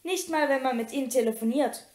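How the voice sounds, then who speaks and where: Shrill, sneering teen stepsister girl in a storybook reading, high and loud, as a woman reader plays her. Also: a little fast, natural voice. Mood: scornful shrieking. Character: mean shrieking teenage stepsister girl. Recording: roomy echo.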